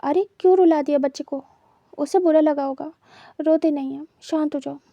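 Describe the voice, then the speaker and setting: A woman voicing a caring middle-aged mother who gently scolds and fusses. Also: high-pitched, steady tone, normal speed, no echo. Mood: fussing. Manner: fussing, reproachful. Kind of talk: dramatized story reading.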